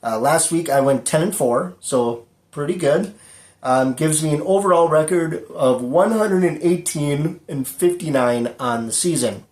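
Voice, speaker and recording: A man's voice: fairly high pitch, measured pace, a little mellow, reverberant. A man hosting his own football prediction show, talking casually with lots of fillers and a dry sarcastic streak. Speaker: sports prediction show host. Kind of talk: casual solo sports talk.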